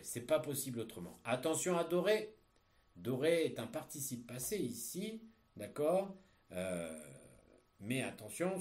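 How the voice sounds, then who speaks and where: A male teacher dictating a text in deliberate word groups and explaining the grammar for proofreading in a didactic way. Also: mid-range voice, a little mellow. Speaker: French teacher.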